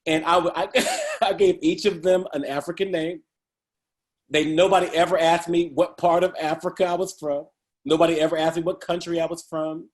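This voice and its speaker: Speaking at a moderate pace in a fairly high, level voice, a middle-aged man shares humorous stories from his life as a guest in a casual interview. He laughs a lot while he talks.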